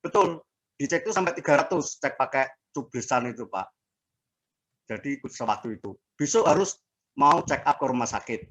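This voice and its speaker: A man in his sixties recounts his own experience in a relaxed interview. His voice sits in a middle register. He talks haltingly, with frequent fillers and restarts. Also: medium pitch. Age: 60s. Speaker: interviewee sharing a health testimony. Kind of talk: casual personal testimony.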